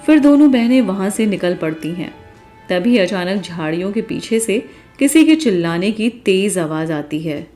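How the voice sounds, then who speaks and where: A woman giving calm scripted narration of a cartoon story. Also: medium pitch, normal speed, soft background music.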